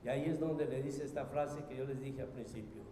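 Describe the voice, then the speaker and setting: A man's voice: medium pitch, a little fast, dark tone. A man preaching a sermon, impassioned and full of rhetorical questions. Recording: echoey hall, faint noise.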